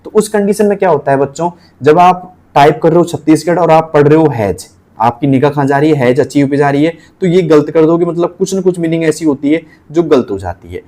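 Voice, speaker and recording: Male tutor, Rajasthani Hindi accent, casual teaching delivery, slightly higher voice, spells letters out slowly. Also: warm tone. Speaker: typing tutor.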